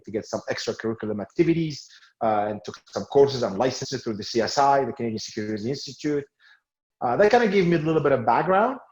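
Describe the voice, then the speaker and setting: A man's voice: mid-range voice, darkish tone. A man in his forties, raised in Tunisia, answering interview questions about his career in finance, with many fillers and restarts. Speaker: guest, sales manager in finance. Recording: roomy, dull lo-fi sound.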